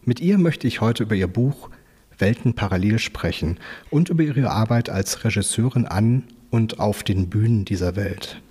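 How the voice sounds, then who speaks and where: A man hosting a literary radio show, with a husky, fairly low voice. He speaks in a formal, measured way and hesitates with frequent fillers. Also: lively intonation, a little mellow. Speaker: host. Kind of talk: radio interview. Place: glass radio studio.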